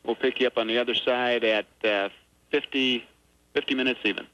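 A man as mission control communicator, speaking calm, clipped radio protocol over an air-to-ground radio transmission. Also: medium pitch. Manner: calm, measured, procedural. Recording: muffled radio link with faint hiss.

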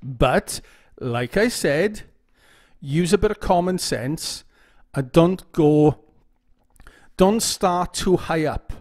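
A man's voice: fairly high pitch, lively intonation, slow, darkish tone. A man giving casual instructional talk to camera, often repeating phrases and checking in with "okay?". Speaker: YouTube OCD educator.

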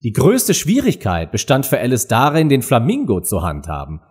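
A man reading a storybook aloud with lively, expressive narration. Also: mid-range voice, normal speed, slightly rough. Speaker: audiobook reader.

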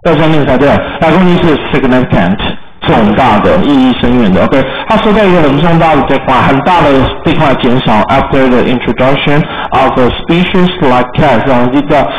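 A man with a Taiwanese Mandarin accent teaching English vocabulary to a class, spelling words letter by letter and explaining them in Chinese. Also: medium pitch. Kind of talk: classroom lesson. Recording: roomy, muffled classroom recording with faint noise.

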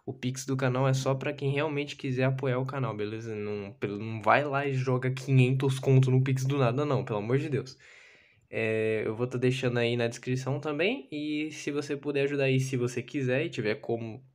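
Filming in his small bedroom on a phone or handheld camera, a young Brazilian YouTuber chats in a loose, self-deprecating, playful ramble. His mid-range voice is brisk with fairly even intonation, and the audio is noisy with clicks.

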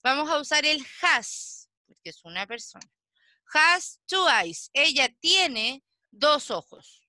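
A woman teaching an English class, explaining slowly and patiently and checking often whether students follow. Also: high voice, expressive, bright, forceful tone, no room sound. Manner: slow, patient explaining with frequent checking questions. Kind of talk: online class lesson.

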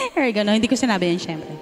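A middle-aged woman with a Filipino accent, joking playfully in casual chat on a live stream. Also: a little high. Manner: playful, jokey. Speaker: guest singer.

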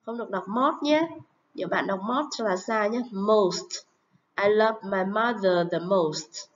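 A woman teaching English pronunciation, saying model words and example sentences slowly and carefully. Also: mid-range voice. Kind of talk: pronunciation lesson. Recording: dull lo-fi recording.

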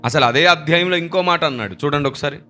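A man's voice: a little high, fast, bright, forceful tone, faint music behind. A man preaching a sermon as pastor, emphatic, with rhetorical questions and repeated phrases.

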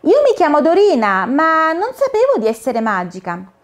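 A woman's voice: high-pitched, huge pitch swings, normal speed, pitched above the performer's own voice. A woman voicing a kind little girl who speaks with eager wonder. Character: amazed little girl, kind and wide-eyed.

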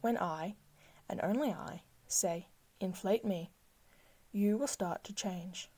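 A woman slowly guiding a listener into trance with soft, soothing, repetitive phrasing, sometimes dropping to a breathy whisper. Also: medium pitch. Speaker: hypnosis guide. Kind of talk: slow guided hypnosis script.

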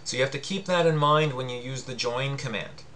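Man, teacher, screencast tutorial, patient step-by-step explaining, mid-pitched voice, faint hiss behind. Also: brisk, sharp tone. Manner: patient, explanatory, reads out prompts.

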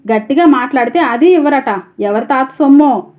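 A woman voicing an irritated male shopkeeper who complains fast about an unpaid debt. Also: high-pitched, lightly acted. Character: irritated shopkeeper man demanding his debt. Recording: dull lo-fi audio.

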